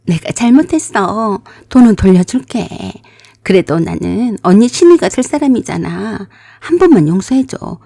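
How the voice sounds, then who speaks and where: A woman's voice: mid-range voice, animated, moderate pace, gravelly, warm tone, no room sound. A woman voicing a brazen, shameless young woman swindler with a whiny manner.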